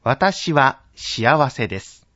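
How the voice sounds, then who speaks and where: A man's voice: medium pitch, big pitch swings, very slow, a bit bright, no room sound, lo-fi sound. A man leading a pronunciation drill as a teacher, carefully enunciating each syllable one at a time.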